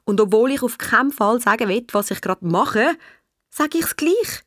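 A woman with a Swiss accent, reading a children's story in the first person with a lively, childlike manner. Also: on the high side, fairly quick, no room sound, studio quality. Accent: Swiss German. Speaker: audiobook reader.

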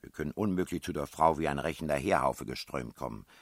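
A man's voice: a bass voice, slightly rough, no room sound, clean studio sound, exaggerated voice. A man reading aloud, voicing a bossy, teasing young woman known as the Princess in a storybook reading. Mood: commanding. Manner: brisk, commanding, teasing.

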